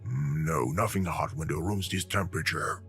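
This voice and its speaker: A man's voice: rumbling low, normal speed, fairly bright tone, soft background music. An actor playing an exasperated man in an automated smart home, muttering and grumbling theatrically as a video game character. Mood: musing.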